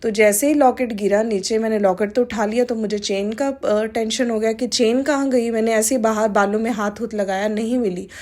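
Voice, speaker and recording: Her voice is fairly high-pitched, steady and a little mellow. This middle-aged woman offers a devotional testimony to a congregation in Hindi sprinkled with English phrases, talking haltingly with many fillers.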